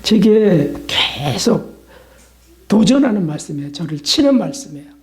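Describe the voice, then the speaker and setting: A man who is a pastor, preaching a Lenten sermon in an animated way, with sudden rises in pitch and loudness, quick questions to the congregation and hushed whispers for emphasis. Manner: keeps asking the congregation questions such as "right?".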